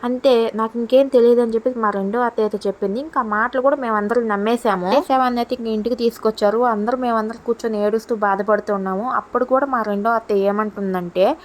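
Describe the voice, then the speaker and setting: A woman narrating a story as a voiceover in a quick, colloquial way, leaning on the same filler phrases again and again. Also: a little high, fairly even intonation, a little hiss or hum. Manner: rapid, colloquial retelling with recurring filler phrases.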